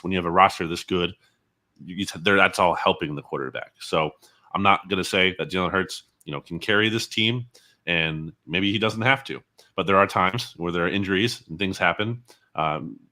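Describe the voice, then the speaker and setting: A man appears as an interview guest offering football analysis, reasoning through his points in a measured, analytical way. His voice is very low, bright, and punchy.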